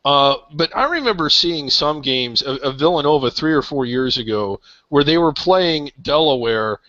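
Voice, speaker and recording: A man's voice: fairly high pitch, expressive, normal speed, sharp tone, no echo, lo-fi sound. A man hosting a roundtable sports talk show, thinking aloud in a rambling way with many restarts.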